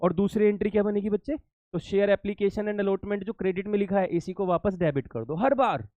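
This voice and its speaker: A male teacher with a high, mellow voice explains accounting entries to students, repeating the key points and checking that they follow. The recording is dry and a little dull. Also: moderate pace, no echo. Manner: addresses students as kids, repeats key points, asks if understood. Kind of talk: exam-prep lesson.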